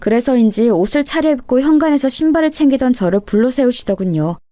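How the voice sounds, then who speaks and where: A woman's voice: high voice, animated, fast, dark tone, dry recording. A woman in her thirties narrating a first-person story as a daughter-in-law, in a confiding, aggrieved way.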